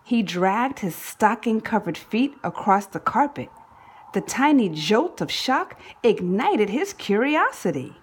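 In a husky, slightly rough voice, a woman reads a children's story slowly and expressively, her pitch lively and sing-song. She phrases with care and lends dramatic weight to key words.

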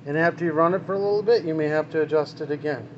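Speaking very fast in a voice on the high side, a small engine mechanic casually narrates a repair as he works in his shop. The lo-fi camera mic recording has him off-frame, with an engine running and workshop noise around him.

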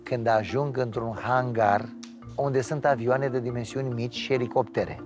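A man's voice: medium pitch, fairly even intonation, music in the background. A man in his sixties, a restaurant owner on a reality show, speaking in a bossy, scolding way. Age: 60s. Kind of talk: reality TV chat.

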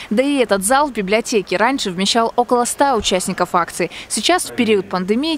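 A woman narrates a news report from a script. Her voice is on the high side, in a reporter's delivery.

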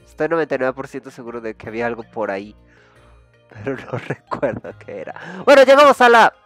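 A man's voice: medium pitch, a little fast, soft background music. A man with a Mexican Spanish accent giving casual gameplay commentary and musing aloud. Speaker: gaming YouTuber.

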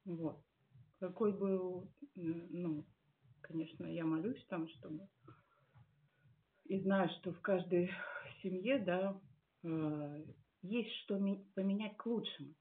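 A woman in her late forties speaks an unhurried personal testimony, earnest and musing, pausing often. Her voice has a gravelly fry. The sound is tinny and narrow, like a phone line from a dim room. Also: fairly low pitch. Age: 40s. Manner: earnest, musing, many fillers and pauses. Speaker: church member giving testimony.

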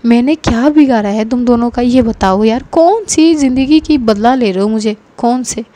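A grumpy young woman, irritable and full of complaints about being woken at night, voiced by a woman storyteller. Her pitch is fairly high and her tone is mellow. This is a spoken storybook. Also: unhurried. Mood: irritated.

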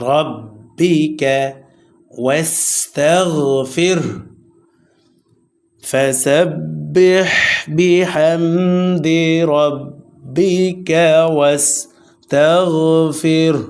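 A man teaching Quran recitation with tajweed rules, explaining patiently and chanting the verses slowly and melodically. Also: a little high. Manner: slow and deliberate, drawing out recited words melodically; patient, repeats words and asks the class questions.

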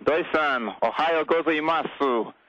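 A man's voice: on the high side, unhurried, a bit bright, a little hiss or hum. A man, a ground controller, greeting the crew over a space-to-ground radio transmission. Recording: muffled radio with music behind.

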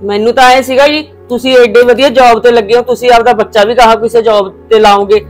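An actress playing an older mother who scolds her daughter's in-laws in a village family drama, sharp and indignant. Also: on the high side, steady tone, fast, soft background music, natural voice.

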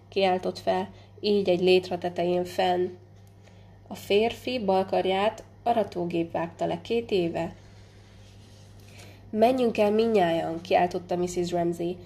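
A woman reading a literary novel aloud as audiobook narration, measured and unhurried, with small slips and restarts. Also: medium pitch, warm tone. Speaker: audiobook reader.

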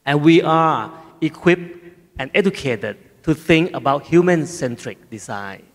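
A middle-aged man on a conference stage, answering as a panelist into a handheld mic, measured and earnest with occasional fillers. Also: fairly high pitch, expressive. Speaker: panelist, research center head. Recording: hall reverb.

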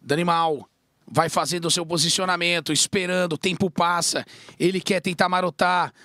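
A Brazilian man commentating esports live in an excitable game-announcer style, stretching and shouting his calls. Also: high-pitched, no echo, studio quality. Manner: excited, drawn-out shouts on big plays. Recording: clearly noisy game broadcast.

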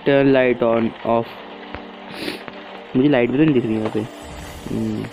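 A male gaming YouTuber talks his way through a horror game, chatty and casual. His voice sits at a middle pitch. Loud game music plays under him. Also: fairly even intonation, measured pace, poor audio. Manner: chatty, keeps addressing viewers as guys. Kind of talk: casual let's-play commentary.

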